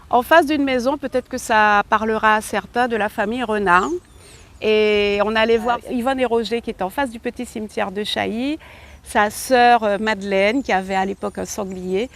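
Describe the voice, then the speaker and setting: A middle-aged woman journalist from Guiana, reminiscing in an interview and pausing on many fillers. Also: mid-range voice, a little hiss or hum. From French Guiana.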